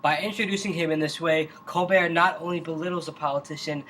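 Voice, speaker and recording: Higher-voiced man as parody news co-anchor. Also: fairly even intonation, quick pace. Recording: faint background noise.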